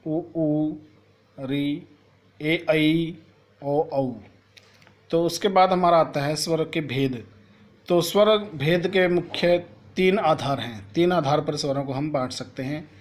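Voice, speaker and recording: Guy teaching kids grammar, bit higher voice, asks a question then answers it himself. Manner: spells out vowel sounds one by one. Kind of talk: classroom lesson explaining Hindi grammar to children.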